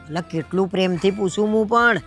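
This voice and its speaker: A woman's voice: medium pitch, a little fast, soft background music, natural voice. A woman playing an exasperated husband in a comedy skit, bickering and pleading with his wife. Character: exasperated husband, newly made society chairman.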